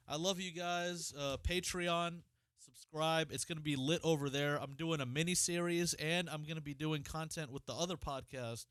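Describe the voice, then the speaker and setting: A man's voice: fairly high pitch, clear, resonant tone, no room sound. A man co-hosting a podcast in casual chat, ranting with lots of swearing. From Ohio, United States. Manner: profane, animated ranting. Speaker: podcast co-host.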